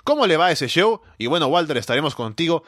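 Relaxed man chatting on a podcast. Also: a little high, quick pace, no room sound, clean studio sound. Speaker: podcast co-host. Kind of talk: casual wrestling podcast chat.

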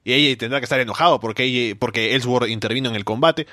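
A man chatting casually on a podcast panel, animated and thinking aloud with fillers. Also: medium pitch, racing, no echo, clean studio sound. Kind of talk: casual wrestling podcast chat.

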